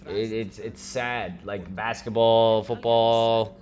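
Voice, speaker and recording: A man hosting a live-stream watch party, chatting casually and teasing with loud bursts of mock outrage. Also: lowish voice, steady tone, takes it slowly.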